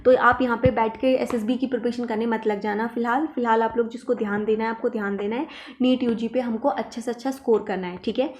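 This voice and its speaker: A woman's voice: fairly high pitch, fairly even intonation, fast talker, darkish tone, slight background noise. A woman teaching an online exam-prep lesson, emphatic and reassuring, checking in with her students often. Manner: repeats "ठीक है" and "देखो" to check in with students.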